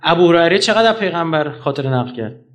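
A man giving a public lecture in an animated, argumentative way, firing rhetorical questions and swinging from loud to soft. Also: on the high side. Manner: animated, rhetorical questions, sharp jumps in loudness; mocking, argumentative.

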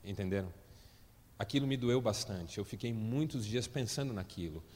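A man's voice: lowish voice, normal speed, long reverb tail. A man with a Brazilian Portuguese accent, a motivational speaker telling stories to an audience with joking asides. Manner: lively storyteller with joking asides. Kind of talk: storytelling talk to an audience.

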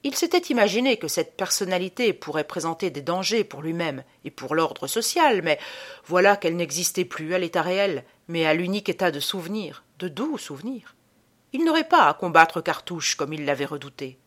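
Expressive woman reading an audiobook. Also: fairly low pitch, moderate pace. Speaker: audiobook narrator. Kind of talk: scripted narration.

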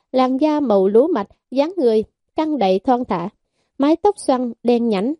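A woman giving steady, scripted audiobook narration of a fantasy novel. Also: a little high, no echo, clean studio sound. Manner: steady storytelling.

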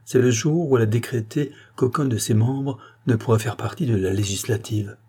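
A man's voice: medium pitch, a little fast, warm tone, slightly rough. A man reading an earnest revolutionary statesman pleading. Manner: urgent, explanatory pleading. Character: earnest male politician warning a queen.

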